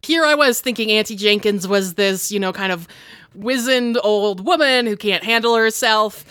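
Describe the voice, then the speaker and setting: A woman player chatting in character during a tabletop game, in a relaxed, chatty way. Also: medium pitch, moderate pace, smooth, no echo, studio quality. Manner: relaxed, chatty, laughs often.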